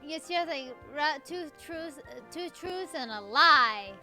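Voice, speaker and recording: A high-voiced woman leads a casual podcast at an unhurried pace. Her tone is bright and chirpy. She gushes sweetly and drops swear words without a second thought. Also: animated, soft background music. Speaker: podcast host. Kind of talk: casual chat.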